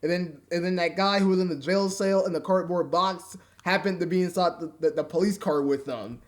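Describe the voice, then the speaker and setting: A man's voice: sits high, fairly quick. A man recorded on a webcam mic, ranting indignantly as he reviews an episode and repeating himself as he goes.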